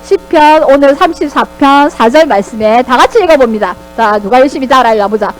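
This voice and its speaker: High-voiced woman preaching to children. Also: a little fast, a little hiss or hum, poor audio. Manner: animated, keeps asking the children questions. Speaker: Sunday school teacher. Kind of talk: children's sermon.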